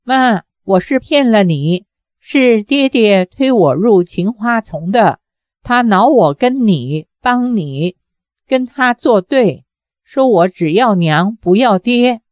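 A woman's voice: medium pitch, expressive, slow pace, a little mellow, dry recording, studio quality. A woman voicing a frightened young daughter who stammers and hesitates. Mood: pleading.

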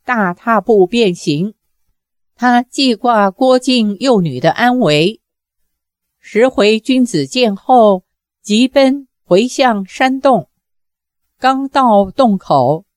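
一位女性朗读者，以从容而富有戏剧感的方式讲述武侠小说。. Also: female voice, a little high, a little mellow, dry recording, clean studio sound. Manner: measured, dramatic storytelling. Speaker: narrator. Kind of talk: audiobook narration.

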